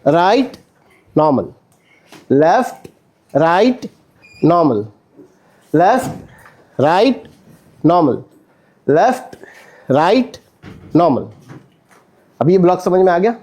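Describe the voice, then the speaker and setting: High, lively man coaching a class. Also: slow pace, long pauses. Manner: energetic, counts and calls out corrections. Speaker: acting instructor. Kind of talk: coaching a stage-fight drill. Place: indoor acting studio with a class.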